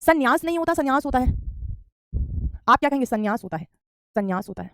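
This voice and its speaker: A woman with a fairly high voice teaches a spelling class at a rapid pace. She repeats each correct word and speaks straight at her students. The recording is close and dry. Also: expressive, dry recording. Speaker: Hindi teacher. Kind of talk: online spelling lesson.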